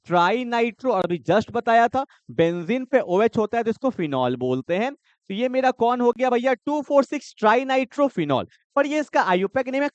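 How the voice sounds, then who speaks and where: A man teaches chemistry in an exam-prep lecture. His voice sits high and swings widely as he fires repeated questions at the students. The sound is smooth and clear, recorded dry with a slightly dull tone. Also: dry recording.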